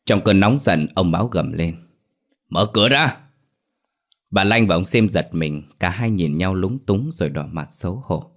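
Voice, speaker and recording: A man reading a horror story aloud in a steady, measured narration. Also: deep voice.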